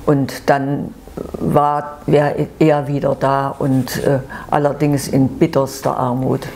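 A sweet, gentle woman in her nineties from eastern Germany tells her life story unscripted, haltingly, searching for words and repeating herself. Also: a bass voice, level tone, a little hiss or hum. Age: 90s. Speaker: grandmother recounting her life.

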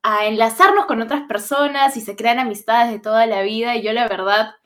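A woman hosting a casual podcast, playful and quick with jokes. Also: a little high, fairly bright tone. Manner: playful, joking interjections. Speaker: podcast host.

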